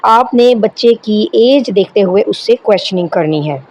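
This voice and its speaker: A woman's voice: mid-range voice, lively intonation, darkish tone, a little hiss or hum, poor audio. A woman with a Pakistani accent, an online Quran teacher giving a step-by-step lesson, explaining patiently and often checking in with her listeners. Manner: explanatory, checks in with repeated rhetorical questions. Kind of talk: instructional lesson, mixing Urdu with slowly read English lines.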